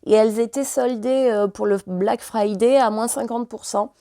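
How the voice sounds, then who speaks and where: A woman's voice: a little high, fairly even intonation, normal speed, mellow, no room sound, studio quality. A French woman vlogger chatting casually and hesitantly, full of fillers, while showing her purchases. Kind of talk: casual chat.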